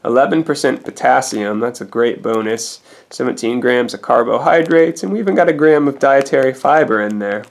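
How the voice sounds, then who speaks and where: A man's voice: medium pitch, fairly quick, gravelly, hardly any pauses. A man giving a casual product review as a food reviewer, in a rambling, hesitant, minutely detailed way.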